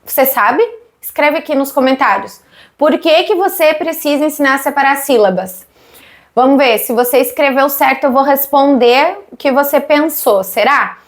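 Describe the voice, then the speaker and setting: A woman's voice: sits high, moderate pace. A woman in her thirties with a Brazilian Portuguese accent, explaining literacy teaching and asking her viewers questions. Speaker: literacy educator.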